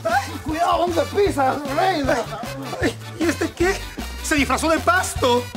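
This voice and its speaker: Shrill peruvian butler, fussy and gossipy, loud music under it. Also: male voice, a little slow. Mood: amused. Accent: Peruvian Spanish. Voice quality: theatrical, exclamation-filled, sighing delivery. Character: fussy, flamboyant male butler, dramatic and gossipy. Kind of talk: sitcom acting.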